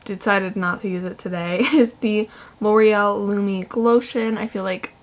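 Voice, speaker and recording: A woman's voice: mid-range voice, steady tone, a little slow. A woman in her twenties talking through a makeup tutorial in a breezy, chatty way, with lots of filler words. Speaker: beauty vlogger. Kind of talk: casual makeup tutorial chat.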